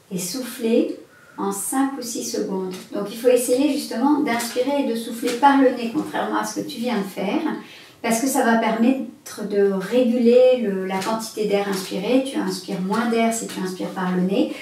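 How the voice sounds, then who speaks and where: A woman's voice: a little high, a little mellow. A woman instructor giving guided breathing instruction in a conversational, step-by-step way. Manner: explanatory, with guiding step-by-step phrases. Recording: very echoey room, distant mic, faint noise.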